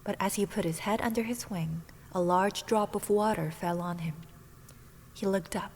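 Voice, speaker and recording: A woman's voice: medium pitch, moderate pace, slight background noise, rough recording. Woman whispering a fairy tale in English. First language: Korean. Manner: calm, soft whispered narration. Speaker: actress reading a fairy tale. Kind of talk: whispered role-play.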